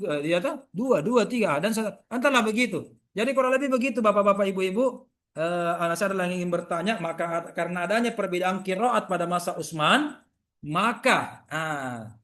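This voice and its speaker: Over a video call, a man from the region gives an online university lecture in a lively manner. His voice sits high, and he repeats examples while repeatedly asking listeners to agree.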